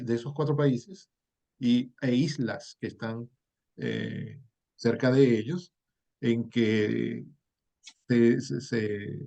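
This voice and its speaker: A man's voice: medium pitch, a little mellow. Guy teaching a class on a video call, rambly, lots of ums, keeps correcting himself. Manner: digressive, many fillers and self-corrections. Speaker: Spanish language history lecturer. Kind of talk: online lecture.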